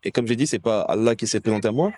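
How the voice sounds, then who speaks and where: A man's voice: lowish voice, very fast, mellow. A young man in casual conversation, earnestly sharing his faith with someone, often asking "you see?" as he explains. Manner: earnest, persuasive, fillers "tu vois". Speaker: street evangelist.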